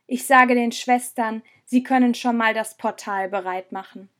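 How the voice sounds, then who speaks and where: A woman's voice: fairly high pitch, steady tone, moderate pace, natural voice. A woman reading an audiobook, voicing a hurt young man who speaks with resentful reproach. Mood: resigned. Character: hurt, bitter young man leaving his friends. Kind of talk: audiobook character voice.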